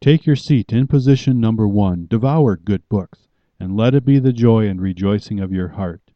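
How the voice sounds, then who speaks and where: A man with a low voice preaches a sermon with firm, emphatic commands. His delivery is deliberate and pastoral. The recording is dry and somewhat muffled. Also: no echo.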